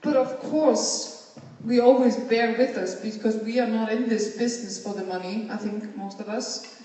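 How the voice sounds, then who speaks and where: Captured on a distant microphone in an echoing conference hall, a woman from Iceland offers earnest panel discussion remarks, repeating words while she gathers her thoughts. Her voice is a little high yet dark in tone, steady and moderately paced.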